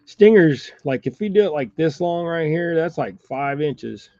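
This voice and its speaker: A congested, coughing fishing channel host chats on a casual live stream while tying jigs in a room at home with a TV nearby. His fairly high voice is a little slow, and the dry sound is dull and slightly lo-fi. He's relaxed and chatty, greeting viewers by name.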